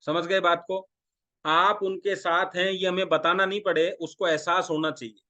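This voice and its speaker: A man from India with a fairly high voice gives a sales training talk. He keeps putting questions to his listeners and acts out little exchanges between a seller and a buyer. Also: level tone, moderate pace, pushed and bright. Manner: talks through role-played dialogues, asking the audience questions. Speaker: direct selling trainer.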